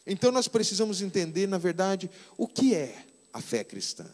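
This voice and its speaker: Brazilian pastor in his 50s, fairly high voice, chatty sermon, big hall echo. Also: sing-song, a little mellow. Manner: conversational preaching with slow, stressed key phrases. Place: church hall.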